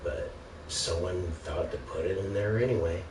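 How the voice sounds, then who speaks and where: Deep-voiced man ranting, exasperated, roomy noisy audio. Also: moderate pace. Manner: exasperated, sarcastic complaining. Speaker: video game ranter. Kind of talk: casual, profanity-laden gaming rant. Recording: roomy, noisy, distant microphone.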